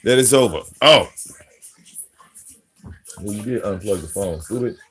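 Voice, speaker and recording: A man in his forties hosting a live stream, talking bluntly in profane slang and slipping into soft baby talk with his pets. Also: on the low side, animated, unhurried, faint music behind. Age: 40s. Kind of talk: casual live-stream rant.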